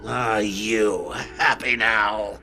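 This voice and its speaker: A man voicing a manic, cackling, theatrical clown supervillain in a video game, with a gravelly edge. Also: lowish voice, fairly even intonation, very slow. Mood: manic taunting. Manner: theatrical, taunting, wildly swooping.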